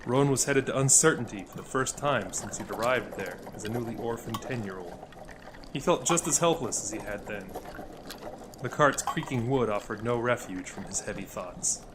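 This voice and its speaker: A male storyteller reads scripted fantasy narration with a dramatic, deliberate delivery. His voice is medium in pitch, and background noise can be heard.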